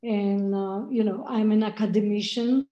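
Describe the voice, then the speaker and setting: A woman speaking as a panelist over a remote video call, her audio glitching and cutting out as she talks haltingly with many fillers and restarts. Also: medium pitch, fairly even intonation. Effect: audio cutting out, glitchy connection. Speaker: panelist, department chair. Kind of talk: panel discussion remarks. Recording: dull, roomy call audio.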